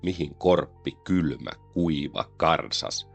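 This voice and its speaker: A man giving a slow, solemn, dramatic recitation of a poem. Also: a bass voice, breathy edge, soft background music. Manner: slow, solemn, measured delivery. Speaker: poetry reader.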